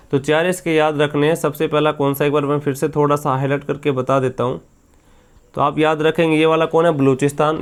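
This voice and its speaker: A man's voice: a little high, clear, resonant tone. A man teaching geography over a map, asking his own questions, answering them and repeating the answers as drills.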